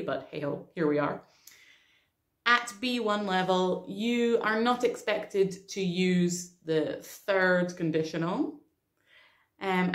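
Woman teacher, slow and deliberate delivery, recorded in an echoey room; clear, patient, dry humor. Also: medium pitch. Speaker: English teacher. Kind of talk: online grammar lesson.

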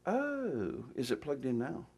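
A man's voice: medium pitch, huge pitch swings, slow pace, darkish tone. A male pastor giving a folksy, conversational sermon in a church, full of restarts and asides. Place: church sanctuary.

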